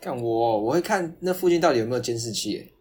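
A man's voice: medium pitch, animated, fast, darkish tone, breathy edge. A man with a Taiwanese Mandarin accent, co-hosting a casual podcast, blunt and casually swearing. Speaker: podcast co-host. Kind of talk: casual chat.

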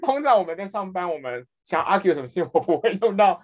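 A man with a Taiwanese Mandarin accent telling a work story in casual podcast chat, acting out the people he quotes. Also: fast talker. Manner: animated, acts out quoted people with big pitch jumps. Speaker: podcast co-host.

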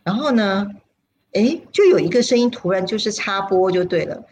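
A woman, a spiritual teacher telling a personal story on a livestream in an animated, dramatic way, her voice leaping up at exciting moments. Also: moderate pace, noisy background. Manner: animated, dramatic storyteller with sudden pitch leaps.

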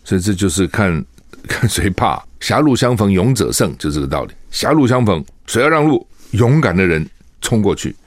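A man's voice: fairly low pitch, big pitch swings, normal speed, no room sound. An older man with a Taiwanese Mandarin accent, hosting a radio talk show in casual political commentary, chatty and full of rhetorical questions. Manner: chatty, rhetorical questions, acts out quoted voices. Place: radio studio.

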